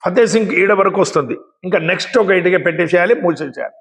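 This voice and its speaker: A man's voice: high voice, animated, fast talker, a bit bright. A man giving a dramatic, exhortative moral-story speech to young people, with lots of repetition. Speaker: motivational speaker. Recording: echoey hall with long reverb.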